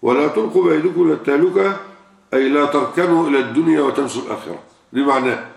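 An older Egyptian sheikh with a heavily gravelly, fry-laden voice delivers a religious question-and-answer sermon. He drives his points home with rhetorical questions and repeated words. He sits well back from the mic in a roomy, echoing space. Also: fairly high pitch, very fast. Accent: Egyptian Arabic. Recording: echoey room, far from the mic.

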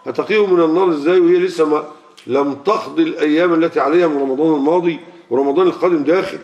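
A man's voice: a little high, racing, a little mellow. A man with an Egyptian Arabic accent preaching a sermon to a gathering, talking colloquially and often asking the audience questions. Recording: lo-fi muffled recording.

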